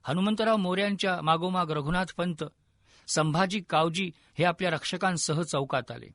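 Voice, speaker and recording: A man narrating a historical story in a vivid, expressive storytelling manner. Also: high-pitched, normal speed, no room sound.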